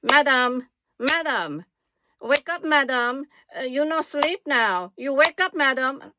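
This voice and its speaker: A woman voicing a brisk, commanding Turkish nurse who speaks broken English in an anecdote. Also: sits high, lively intonation, noisy background, voice pushed up. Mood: insistent. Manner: insistent, commanding.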